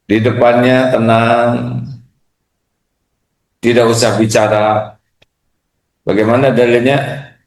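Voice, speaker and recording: A man's voice: medium pitch, little pitch movement, slow pace, gravelly, pauses often. A man preaching a sermon to an audience, questioning them and acting out insults. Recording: echoey hall.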